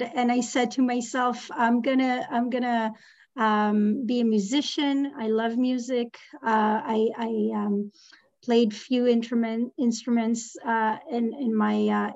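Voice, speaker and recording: A woman in her thirties, originally from Israel and a real estate lending executive, speaks as an interview guest. She's hesitant, with lots of fillers and restarts, and her slightly high voice comes through a muffled recording.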